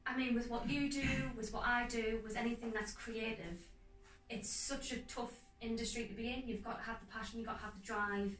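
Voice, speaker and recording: A young woman actor talking earnestly and enthusiastically in a casual interview, in quick runs of speech. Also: on the high side, steady tone, a bit bright, distant mic. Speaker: guest actor. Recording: roomy echo, off-mic, faint music behind.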